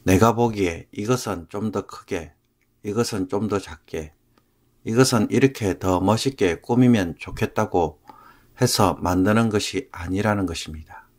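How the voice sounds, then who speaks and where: A man, a pastor, explaining a scripture passage in a measured sermon, phrase by phrase. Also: lowish voice.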